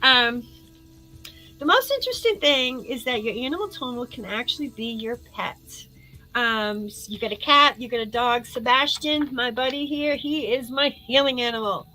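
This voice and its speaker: Middle-aged woman, casual live-stream host, excitable and chatty, slightly high pitch. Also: moderate pace, faint music behind, rough recording.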